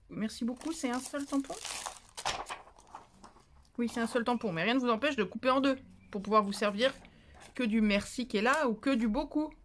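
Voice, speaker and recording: A woman's voice: a little high, a bit bright, slight background noise. A woman hosting a paper-craft tutorial, talking casually and rambling as she thinks aloud, with playful little asides. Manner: chatty and rambling, thinking aloud while stamping; playful, drifts into silly singsong asides.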